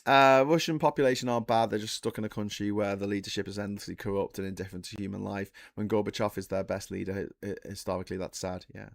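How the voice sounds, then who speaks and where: A man in his forties chatting casually on a live stream, wandering from one bit of trivia to the next and correcting himself as he goes. His voice sits fairly low, and the sound is dry and close with no room to it. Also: steady tone, fast, vocal fry, hardly any pauses, no echo. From England. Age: 40s. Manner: rambling, self-correcting, chatty with the chat. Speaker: livestream host.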